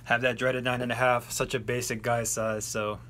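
A man in a relaxed, chatty recap to camera, joking at his own slips, sitting in a vehicle. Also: mid-range voice, moderate pace, slight background noise. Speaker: sneaker reseller vlogger.

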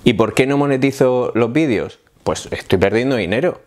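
A man's voice: medium pitch, lively intonation, normal speed. Fiery man ranting. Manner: fiery, repetitive, rising to shouts of indignation. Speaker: YouTuber. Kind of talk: impassioned political monologue to camera.

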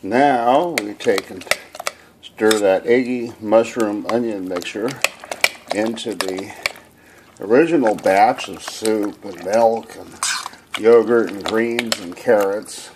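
Slow, low-voiced man narrating his cooking. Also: noisy background. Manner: rambling, folksy, many fillers. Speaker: home cook hosting a cooking video. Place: home kitchen.

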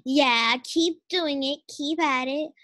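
A woman's voice: high voice, slow pace, fairly bright tone, voice pushed up. A woman voicing a cruel, vain mother who gives curt, imperious commands in an amateur video-game role-play. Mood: bossy. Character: cruel, vain, bossy mother bullying her daughter.

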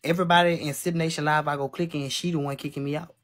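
A man's voice: on the high side, level tone, fast talker, fairly bright tone. A man in his twenties talking casually to viewers on a live stream, answering chat in a candid, defensive way, from a phone at arm's length in a small room. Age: 20s. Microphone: phone held at arm's length.

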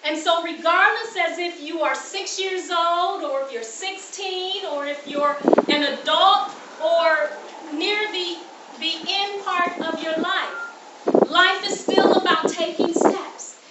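A woman's voice: very high-pitched, takes it slowly, roomy sound, far from the mic, highs cut off, very noisy. A woman from the United States giving a keynote speech at a graduation, emphatic, repeating key phrases and putting questions to the audience. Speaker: keynote speaker. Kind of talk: motivational speech. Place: graduation ceremony room.

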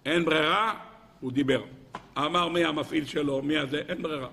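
A man, a rabbi, delivering a sermon as dramatic storytelling, with big swings in pitch and pace. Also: fairly even intonation, gravelly, fairly bright tone, long reverb tail, a little hiss or hum.

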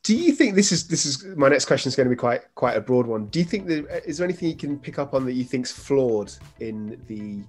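A man's voice: medium pitch, big pitch swings, brisk, hardly any pauses. A man in his thirties with a British accent chatting in an interview, often restarting his phrases and repeating words as he rewords them. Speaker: forensic psychiatrist in conversation. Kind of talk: casual interview chat. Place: indoor room on a video call.

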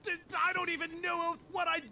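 A man's voice: extremely high pitch, monotone, normal speed, crowd noise. An American man voicing a fed-up male game narrator in a put-on British accent, clipped and ranting in exasperation. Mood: exasperated.

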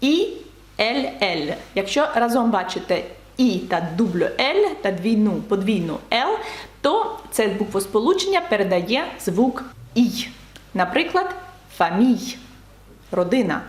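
A woman teaching a beginner language lesson, patiently spelling out letters and repeating example words slowly. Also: mid-range voice, roomy sound.

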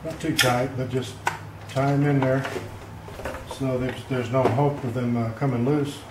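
In a very noisy home garage workshop, a middle-aged Texas man explains his homemade project at a measured pace, his medium-pitched voice flat. The DIY maker's casual how-to is plain and rambling, stuffed with fillers, and captured by a camera mic at a distance.

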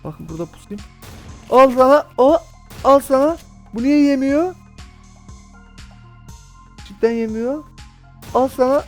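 A man giving excitable, jokey commentary as a gaming YouTuber, talking to his viewers. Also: extremely high pitch, slow, long pauses, soft background music.

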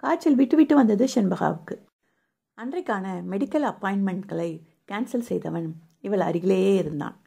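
A woman narrating a romance audio novel in a steady storytelling voice, husky. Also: mid-range voice, moderate pace.

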